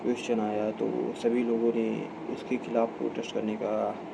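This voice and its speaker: Talking to camera in an informal explainer, an Indian video host with a somewhat low voice stumbles and repeats phrases as he keeps correcting himself. A clear, steady background hum and ambient noise run underneath.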